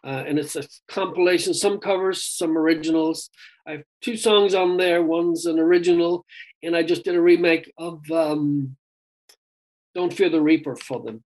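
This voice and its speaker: A man's voice: fairly high pitch, moderate pace, a little mellow, low-quality recording. A man, a singer being interviewed, talking in a chatty, rambling, casual way and often saying "dude". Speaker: guest singer. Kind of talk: casual chat.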